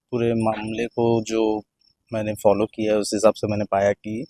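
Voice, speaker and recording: Male panelist with a dark, mellow voice and dry sound, narrates events with frequent restarts. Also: medium pitch, no echo. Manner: recounting events, stumbling restarts. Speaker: panel guest. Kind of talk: discussion commentary.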